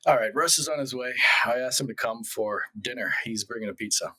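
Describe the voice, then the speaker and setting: A man's voice: mid-range voice, a little fast, sharp tone, breathy edge, no room sound. A man playing a weary, placating son. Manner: tired, placating. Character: weary, easygoing young adult son.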